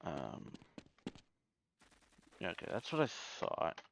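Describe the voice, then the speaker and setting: A man's voice: deep voice, wildly swooping pitch, slow, gravelly, slight background noise. A man giving casual gameplay commentary, thinking aloud in a hesitant way. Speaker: gamer.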